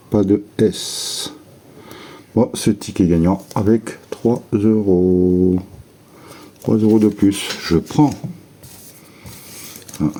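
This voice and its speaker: Slow, low-voiced man muttering to himself. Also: warm tone, slight background noise. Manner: slow, methodical, muttering letters and words to himself. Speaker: scratch-ticket vlogger. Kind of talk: casual running commentary while scratching tickets.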